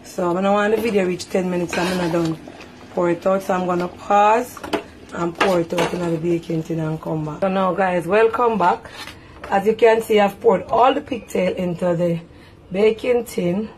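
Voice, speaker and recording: A woman's voice: fairly low pitch, fairly even intonation, normal speed, background noise. Jamaican woman chatting while cooking. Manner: chatty, talks to viewers as she cooks. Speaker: home cook. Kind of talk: casual cooking vlog. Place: home kitchen.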